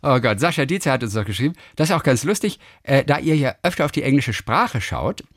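Guy cohost, really animated pitch, reading listener mail, dry sound. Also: a little fast, no echo. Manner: lively, reads out listener messages. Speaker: podcast co-host. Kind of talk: casual chat.

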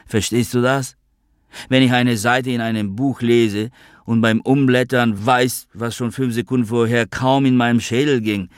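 A man's voice: fairly low pitch, no room sound, clean studio sound, close to an everyday voice. A man reading an audiobook, voicing a desperate, unraveling male film star who pleads and rambles in a raised, strained voice. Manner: pleading, rambling, falling apart.

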